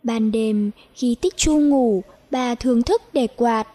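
Female narrator for a children's story: high, slow, clear. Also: dark tone.

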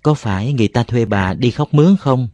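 Curious simple-minded island boy, earnest and a bit loud, as a male narrator puts him on, dry sound. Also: mid-range voice, brisk, no echo, close to an everyday voice.

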